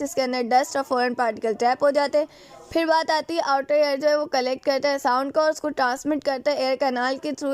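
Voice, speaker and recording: A woman with a high, slightly mellow, clear and resonant voice gives a classroom biology lecture in a Pakistani Urdu accent. She explains things step by step, poses questions and answers them herself, and switches into English terms.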